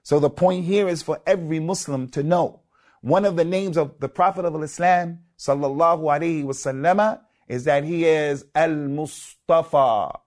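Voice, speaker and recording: A man's voice: a little high, brisk, a little mellow. A man giving a religious lecture as a preacher, emphatic and repetitive, weaving Arabic phrases into his English. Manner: emphatic, repeats key words, weaves in Arabic phrases. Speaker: Islamic preacher.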